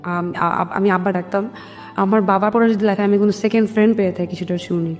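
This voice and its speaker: Music plays beneath a recording drenched in long hall reverb as a Bangladeshi woman, an interview guest, tells her life story. Her mid-pitched speech is fast and lively, and she acts out family conversations while slipping English words in.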